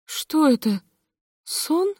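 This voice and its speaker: Flustered, fussy society lady with a high, swooping voice, dry and close, as a woman narrator puts her on. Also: lively intonation, moderate pace, breathy edge, no echo, exaggerated voice. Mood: despairing. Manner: fussy, affected, anxious. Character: flustered society hostess, middle-aged woman.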